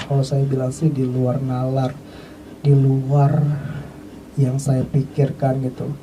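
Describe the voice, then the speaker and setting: A man's voice: fairly high pitch, distant mic, dull audio. A man casually retelling a mysterious personal experience in a rambling, reflective way, off-mic with faint noise behind. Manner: rambling, reflective, many filler tags. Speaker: storyteller.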